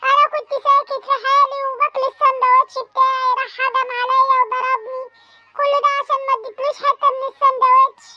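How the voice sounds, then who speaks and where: A woman's voice: extremely high pitch, little pitch movement, fast talker, pitched above the performer's own voice. A woman voicing a timid, sulky young schoolboy who whines and pleads with his mother. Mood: complaining. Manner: whining, pleading. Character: whiny little schoolboy son, timid and sulky. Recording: lo-fi sound.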